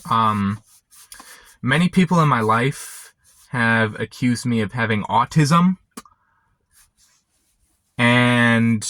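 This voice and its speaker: A young man chatting casually and unscripted to camera, halting and often interrupting himself as he rambles. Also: medium pitch, sharp tone, no echo. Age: young adult. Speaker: vlogger. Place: inside a parked car. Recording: background noise, vehicle ambience.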